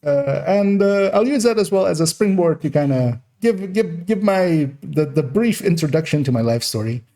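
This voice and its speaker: Here a gaming YouTuber in his youth answers viewer questions in a loose, meandering monologue packed with fillers and false starts. Raised in the Netherlands after being born in Iran, he has Farsi as his native tongue and a Persian-Dutch-American accent. His pitch is fairly high, his delivery animated and mellow, at a moderate pace.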